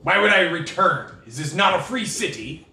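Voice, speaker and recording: A man's voice: sits high, lively intonation, moderate pace, gravelly, bright, forceful tone, exaggerated voice. A man voicing a stubborn male dwarf cleric with a pirate-style voice. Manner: stubborn, defiant. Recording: echoey room, faint noise.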